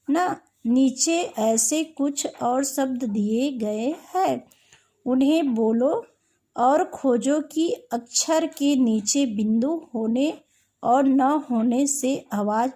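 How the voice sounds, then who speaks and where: A woman's voice: high voice, mellow. A woman teacher giving a primary-school lesson, patiently asking questions and answering them herself. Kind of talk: recorded class lesson.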